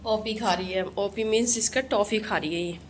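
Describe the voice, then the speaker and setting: A woman's voice: medium pitch, moderate pace, slight background noise. Chatty young woman vlogging her chores. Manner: chatty, rambling, talks while doing chores. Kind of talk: casual home vlog chat. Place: home kitchen and rooms.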